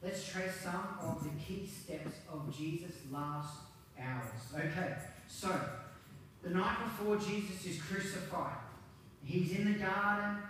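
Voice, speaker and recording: A man delivering a Good Friday sermon in a relaxed, conversational way, full of rhetorical questions to the congregation. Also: high-pitched, slow. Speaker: pastor. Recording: very echoey hall, distant mic, faint noise.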